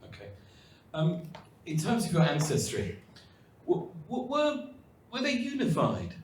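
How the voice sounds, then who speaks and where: A man's voice: high-pitched, wildly swooping pitch, a little slow. A man hosting a live on-stage interview before an audience. He gives formal, welcoming introductions and puts questions to his guest. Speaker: host.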